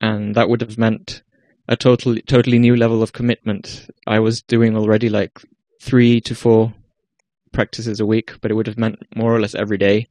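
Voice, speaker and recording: Low, flat-voiced Icelandic man. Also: normal speed, dry recording. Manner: hesitant, many restarts and fillers. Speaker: guest musician. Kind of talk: casual interview talk.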